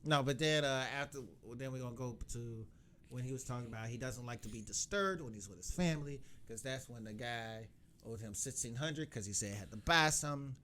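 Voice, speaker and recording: A man co-hosting a podcast in casual chat, talking in a lively, joking way and acting out quotes. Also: medium pitch, a little fast, a crowd in the background. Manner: animated, laughing, acts out quotes. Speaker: podcast co-host.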